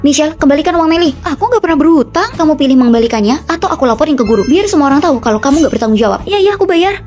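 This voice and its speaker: A woman dubbing every role in a short drama, with brisk, clipped line delivery. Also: high-pitched, expressive, a little mellow, faint music behind. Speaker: voice-over dubber of all roles.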